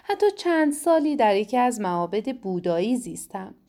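A woman reading the lines of a blunt, self-assured woman traveler, calm and matter-of-fact. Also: medium pitch. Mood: firm.

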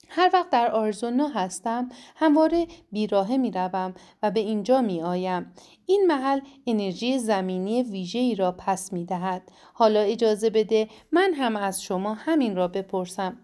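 A woman reading the lines of a blunt, self-assured woman traveler, calm and matter-of-fact. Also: on the high side, natural voice. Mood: firm.

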